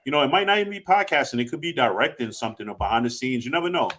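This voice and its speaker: Talking very fast in an expressive, fairly bright mid-range voice, this man in his late thirties co-hosts a casual podcast. He rambles and turns self-reflective, restarting often and leaning on "you know."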